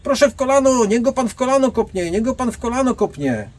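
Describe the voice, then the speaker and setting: A man voicing a bossy older woman who gives loud, commanding instructions in a high voice. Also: sing-song, quick pace, exaggerated voice.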